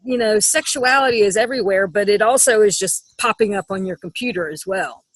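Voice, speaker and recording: A woman's voice: mid-range voice, fairly quick, dry recording, low-quality recording. A middle-aged woman speaking as a sex educator in an interview, frank and matter-of-fact, with frequent ums. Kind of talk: interview conversation.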